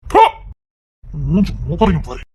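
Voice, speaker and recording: A man voicing a stern, furious middle-aged uncle in an audio drama, shouting threats in loud outbursts. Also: sits high, wildly swooping pitch, unhurried, husky, heavily acted. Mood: threatening. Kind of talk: Tamil audio drama acting.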